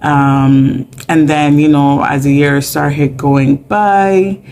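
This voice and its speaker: A woman's voice: low-pitched, steady tone, slow pace, darkish tone. A middle-aged woman with a Barbadian accent speaking candidly in an interview, with many fillers. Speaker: mental health advocate guest. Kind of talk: conversational interview.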